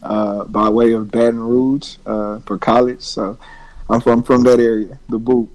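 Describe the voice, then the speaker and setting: Flat-voiced laid-back Louisiana man. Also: mid-range voice, measured pace, poor audio. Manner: laid-back, hesitant, with fillers. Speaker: rapper guest. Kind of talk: casual interview.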